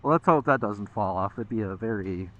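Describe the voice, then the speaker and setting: A man's voice: on the low side, expressive, normal speed, dull audio. An American man from the Midwest chats casually while riding a motorcycle, rambling along and swearing freely as a vlogger.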